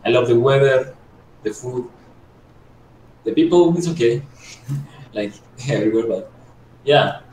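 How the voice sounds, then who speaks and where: A man from Colombia answers interview questions in a modest, halting way, with lots of fillers and restarts. His voice is heard from a distance in an echoey room. A faint hiss sits under the recording. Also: medium pitch, animated, a little mellow. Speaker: guest sculptor.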